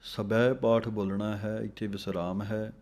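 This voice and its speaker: Slow, deep-voiced man teaching scripture recitation. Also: little pitch movement, a little mellow. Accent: Punjabi. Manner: recites verses slowly word by word, then explains pronunciation and pauses.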